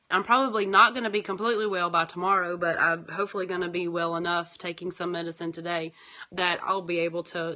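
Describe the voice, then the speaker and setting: Hoarse raspy woman rambling casually. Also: fairly low pitch, sharp tone. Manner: rambling, many fillers, talks through frustrations. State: hoarse from a sore throat and sinus infection. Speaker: pharmacist podcast host. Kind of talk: casual monologue.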